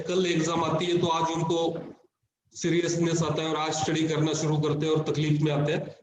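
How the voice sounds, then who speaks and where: Male trainer giving a call lecture, slightly high voice, echoing and smeared over a patchy line, faint hiss. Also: darkish tone. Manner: explanatory, repeats points in varied words. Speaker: financial planning trainer. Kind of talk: online lecture. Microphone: video call.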